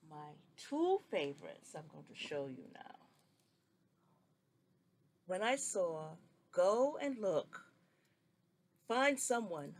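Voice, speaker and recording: A middle-aged woman from New York talks casually and excitedly about her sewing plans. Her voice sits on the low side, with a strong gravelly fry running through it, and her chat wanders from point to point. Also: a little hiss or hum. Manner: chatty, enthusiastic, meandering. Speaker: sewing vlogger. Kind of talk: casual chat showing fabrics.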